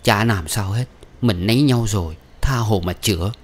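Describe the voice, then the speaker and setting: A man's voice: on the low side, normal speed, close to an everyday voice. A man reading an audiobook, voicing a blunt, hot-headed young laborer close to his own voice.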